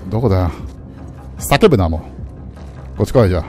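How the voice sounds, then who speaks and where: Brief: male streamer, jumpy let's-play commentary, animated pitch, loud game music underneath. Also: fast talker. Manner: jumpy, swings from mutters to yelps. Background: game sounds and music.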